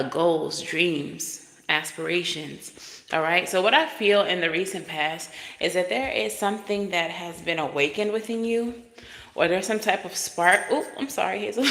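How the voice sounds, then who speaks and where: A woman giving a relaxed, chatty tarot reading to viewers, her voice run through a digital echo effect on her microphone. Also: on the low side. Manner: relaxed, chatty, with frequent fillers. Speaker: tarot card reader. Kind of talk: casual spoken reading to viewers. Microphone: microphone with added echo effect. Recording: echo-effect mic with long reverb.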